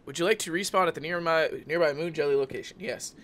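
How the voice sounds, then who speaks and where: A man's voice: fairly high pitch, quick pace, fairly bright tone. A man giving casual commentary while playing a game, yelping and swearing each time he gets hit. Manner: swears and yelps when hit. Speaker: let's play gamer. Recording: game music behind voice. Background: game music.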